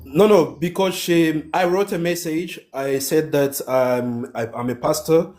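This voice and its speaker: A man in his thirties with a Congolese French accent, a native French speaker answering in halting, simple English in a casual live interview. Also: on the high side, fairly even intonation, darkish tone, soft background music. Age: 30s. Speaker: pastor, guest caller. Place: live video call.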